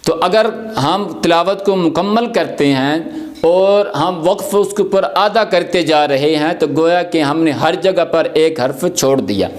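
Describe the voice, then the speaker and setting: A man teaching Quran recitation rules, explaining patiently and repeating each example slowly. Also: fairly high pitch. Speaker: tajweed teacher.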